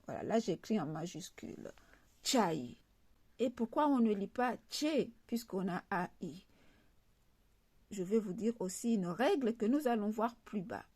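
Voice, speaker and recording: Female teacher, calm and slow-paced, spells out letters and repeats sample words. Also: medium pitch, breathy edge. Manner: patient, repeats example words. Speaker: language teacher. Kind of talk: slow spoken alphabet lesson.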